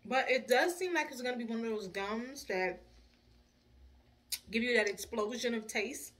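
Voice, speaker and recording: A woman's voice: on the high side, moderate pace, fairly bright tone. An older woman reviewing snacks in a chatty, casual way while chewing gum, laughing easily. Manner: chatty, laughs easily, talks to viewers as y'all. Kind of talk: casual chat.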